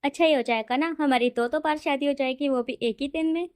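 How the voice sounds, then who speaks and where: Woman doing an excitable young man, bubbly, playful, high voice. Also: a little fast, close to an everyday voice. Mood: excited.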